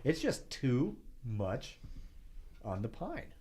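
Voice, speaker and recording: A man's voice: medium pitch, wildly swooping pitch, slow, mellow, husky. A man co-hosting a beer podcast, chatting casually and joking as he swears freely. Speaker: podcast co-host. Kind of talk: casual beer-tasting chat.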